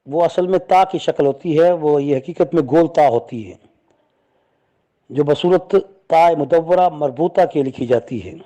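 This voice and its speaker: A man's voice: fairly high pitch, warm tone. A man, a religious scholar, giving a patient step-by-step lesson and explaining points with spoken examples.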